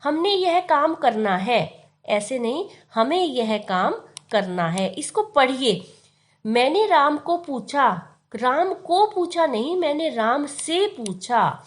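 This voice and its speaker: A woman teaching a grammar lesson, patiently explaining spellings and repeating each word slowly so the correct form stands out. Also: high-pitched, expressive.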